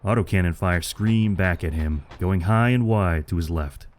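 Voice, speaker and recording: This military adventure is read by a man whose low, slightly mellow voice stays measured and grave throughout the dramatic, scripted delivery. A faint hiss or hum sits in the background.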